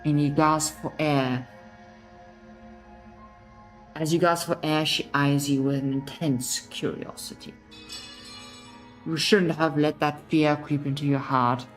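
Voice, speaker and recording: A woman's voice: low-pitched, fairly even intonation, slow pace, pauses often, faint music behind, poor audio. A woman playing a stern, solemn narrator in a story game, with emphatic delivery and a British accent. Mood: grave. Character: stern, grave storybook narrator warning the hero.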